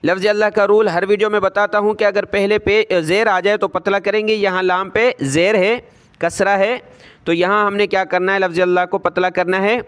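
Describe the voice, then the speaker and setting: A man teaching Quran recitation, spelling out letters and vowel marks, then chanting each verse slowly. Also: sits high, little pitch movement, a bit bright, clean tone. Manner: slow drawn-out chanting of verses.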